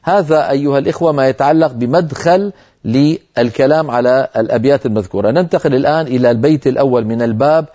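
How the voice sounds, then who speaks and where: A man teaching Quran reading in a broadcast lesson, explaining slowly and chanting the quoted verses. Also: medium pitch, warm tone, highs cut off. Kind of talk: televised religious lesson.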